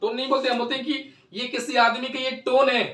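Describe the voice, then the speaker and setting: Guy teaching a physics class, really high voice, asks then answers his own questions, kinda far from the mic. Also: little pitch movement, bright, forceful tone. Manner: asks questions and answers them himself, repeating key words; reads English definitions out slowly. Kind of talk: Hindi physics class lecture. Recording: echoey room, voice from far off.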